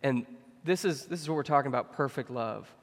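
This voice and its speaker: Young male pastor, loose and conversational preaching, middle-pitched voice, hall reverb. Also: a little fast. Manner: conversational, many fillers, animated when telling stories. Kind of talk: sermon.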